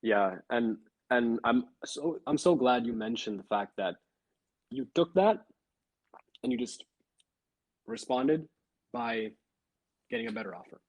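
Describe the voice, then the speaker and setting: A man from Sri Lanka, a guest developer on a casual livestream, talking with pauses and soft asides. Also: mid-range voice, expressive, no room sound. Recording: dry lo-fi stream audio.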